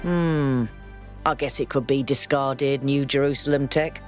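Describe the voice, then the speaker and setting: A man playing a grumpy old robot engineer in a video game, gruff, irritable and sardonic. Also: medium pitch, fairly even intonation, measured pace, faint music behind, lightly acted. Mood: dry, grumbling. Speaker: game character. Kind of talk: video game character dialogue.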